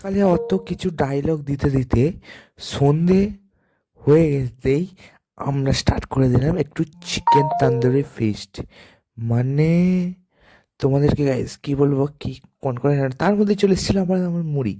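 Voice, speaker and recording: A young man with a hoarse voice, chatting casually to viewers in a vlog. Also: mid-range voice, moderate pace, mellow. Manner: chatty, addresses viewers as guys. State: hoarse from the cold. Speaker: vlogger.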